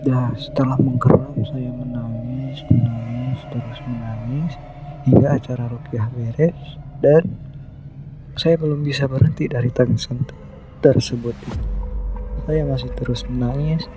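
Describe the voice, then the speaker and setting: A man from West Java, telling his own horror story in an unhurried, hesitant way with many pauses. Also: mid-range voice, fairly even intonation, music in the background. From West Java, Indonesia. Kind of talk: first-person horror story narration.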